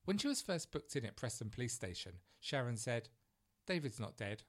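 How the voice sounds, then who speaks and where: Guy narrating true crime, calm and serious, measured pace. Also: mid-range voice. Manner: measured, grave storytelling.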